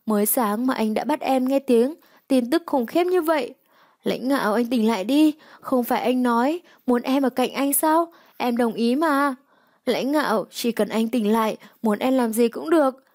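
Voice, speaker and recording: A woman voicing a fierce, stubborn young heroine who snaps back with sharp, defiant retorts. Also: a little high, normal speed, dry recording, clean studio sound, natural voice.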